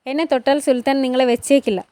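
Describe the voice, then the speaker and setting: A woman's voice: high voice, fairly even intonation, fast talker, a little mellow, dry recording, lightly acted. A woman voicing a fiery, tearful young woman who talks in a pleading, defiant way.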